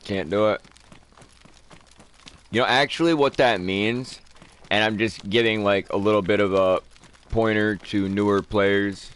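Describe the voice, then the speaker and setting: A man's voice: lowish voice, fairly even intonation, measured pace, pauses often, a bit bright, clean tone. A man streaming a survival game live, talking casually to viewers, saying dude and man and swearing freely.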